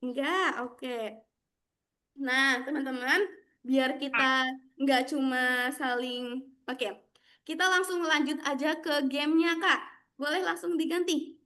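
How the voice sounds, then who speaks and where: A young woman teaching children storytelling on a video call, with bright, animated, sing-song talk. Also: sits high, takes it slowly. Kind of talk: online class for kids.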